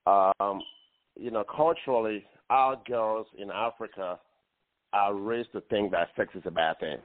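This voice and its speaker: A man in his forties from Ghana, calling in to a radio talk show, speaking earnestly with many pauses and fillers. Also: on the low side, no room sound. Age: 40s. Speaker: caller. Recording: tinny phone line.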